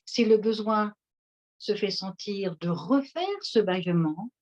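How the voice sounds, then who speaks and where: A woman leading a guided seated relaxation session, speaking in a slow, soothing, instructive way. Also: medium pitch, lively intonation, darkish tone. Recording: dull lo-fi recording.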